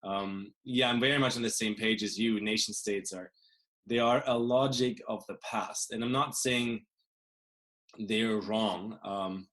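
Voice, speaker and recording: A man's voice: lowish voice, fairly even intonation, fairly bright tone. Reflective male podcast host. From Germany, Bavaria. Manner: reflective, halting with repeated words. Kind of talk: casual interview talk.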